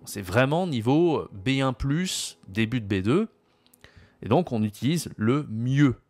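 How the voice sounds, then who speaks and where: A man with a French accent explaining French usage to learners, patiently repeating key phrases slowly. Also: mid-range voice, animated, a little mellow, dry recording, faint music behind. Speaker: French teacher.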